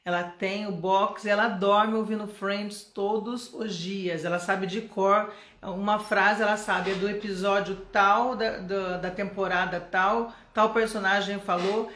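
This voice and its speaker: A middle-aged Brazilian woman teaches English in a live online lesson, chatty and coaxing, often putting questions to the viewer. Her medium-pitched, slightly bright voice is fairly even and a little slow, with roomy echo and slight background noise.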